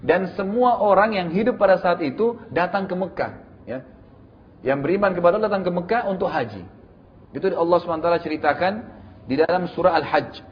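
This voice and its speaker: A man's voice: sits high, fairly quick, highs cut off, a little hiss or hum. A middle-aged man gives a religious lecture in a conversational style, often adding tag questions and speaking straight to his listeners. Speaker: Islamic preacher.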